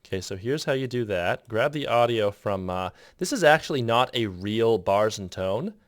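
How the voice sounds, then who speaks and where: A man talks through an editing tutorial in a loose, rambling voice-over, breaking off mid-thought and chuckling at himself. His pitch bounces around a lot. The recording is close and dry, with no room sound. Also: lively intonation, normal speed, no echo. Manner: rambling, self-interrupting, chuckling asides. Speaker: video editor explaining his process.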